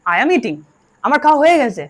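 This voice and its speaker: A woman's voice: fairly high pitch, sing-song, fairly quick. A woman teaching English grammar to a class, drilling her students and telling them to answer aloud. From Bengal. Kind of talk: classroom lesson.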